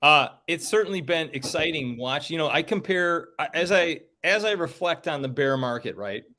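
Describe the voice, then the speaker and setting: A man's voice: fairly high pitch, expressive, normal speed, pushed and bright. A man hosting a casual chat show, talking at length in a rambling, upbeat way.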